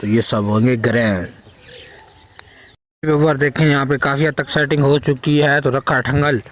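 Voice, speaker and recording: A man's voice: medium pitch, fairly even intonation, normal speed, muffled recording. A man with a Saraiki accent vlogging casually outdoors at a village function, talking straight to his viewers while he films on a handheld phone. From Pakistan. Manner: chatty, addresses viewers directly. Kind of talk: casual vlog narration.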